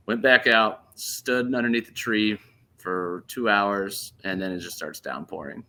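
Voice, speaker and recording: A man in his thirties casually telling a hunting story on a podcast, animated and laughing as he goes. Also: fairly low pitch, a little slow. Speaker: podcast host.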